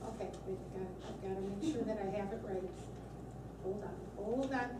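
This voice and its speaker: A woman's voice: mid-range voice, moderate pace. A woman acting as meeting clerk, taking minutes and calling roll in an echoey room. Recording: very noisy echoey meeting room, distant mic.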